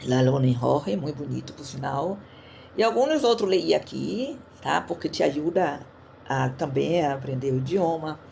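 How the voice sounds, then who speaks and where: Her voice low-pitched, gravelly and a little mellow, a woman from Brazil chats through an informal online church talk, sprinkling in words and frequently checking in with listeners via tag questions. There's slight background noise.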